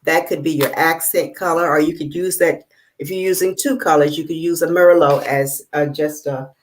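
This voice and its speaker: Woman host, low voice, casual halting tutorial patter on a video call. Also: steady tone. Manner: halting, many fillers while working; checks the viewers can see. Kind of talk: casual live demonstration.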